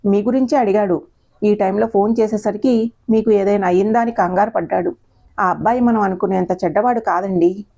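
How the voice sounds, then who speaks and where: A woman voicing a gentle older mother who speaks softly and tries to persuade in an audio story. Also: mid-range voice, fairly even intonation, a little fast, creaky. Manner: soft, coaxing.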